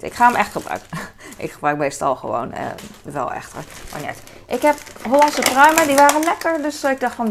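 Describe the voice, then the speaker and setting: A woman in her thirties, a mother, chatting casually and hesitantly while showing her grocery haul. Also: lowish voice. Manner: chatty, rambling, many hesitations. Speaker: vlogger.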